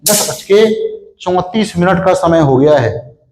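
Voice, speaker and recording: Sitting high and animated, this young man's voice takes things slowly with a darkish tone, on poor audio with a roomy sound. He has a sore throat and teaches a physics class at a board in a hot studio without air conditioning. He explains step by step and answers his own questions to the students.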